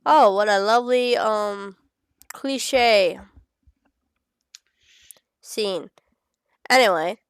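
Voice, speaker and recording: A woman's voice: mid-range voice, drawn-out words, pauses often, clear, resonant tone, dry recording, clean studio sound. A woman with a stuffed-up nose reading a story aloud, with playful, self-mocking asides. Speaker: story reader.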